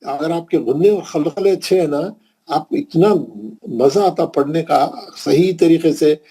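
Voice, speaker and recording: A man from India, Hyderabadi Urdu accent, patiently teaches Quran recitation in a classroom lesson. Speaking a little slowly in a fairly high, mellow, slightly rough voice, he repeats points and checks in with his students.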